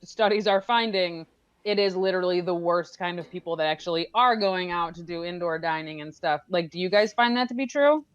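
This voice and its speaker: A woman's voice: lowish voice, brisk, clean tone, no echo, highs cut off. Woman on a dry video call line. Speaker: podcast guest joining remotely.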